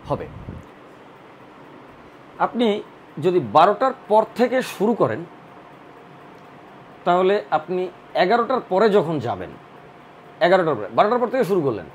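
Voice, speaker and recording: Man, math teacher, step-by-step explaining, higher voice, faint noise. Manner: explains step by step, repeating counts in rhythmic lists. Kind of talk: online admission-prep math lesson.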